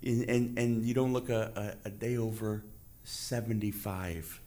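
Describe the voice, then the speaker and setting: A man's voice: lowish voice, fairly even intonation, measured pace, warm tone. A man hosting a casual interview, joking and effusive, rambling his way into questions. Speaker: interviewer, host.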